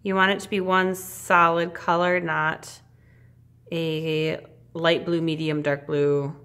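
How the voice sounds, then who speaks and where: A woman art teacher giving a casual step-by-step demonstration in an encouraging, reassuring, informal way, with a creaky voice. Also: deep voice, level tone, slow pace, fairly bright tone.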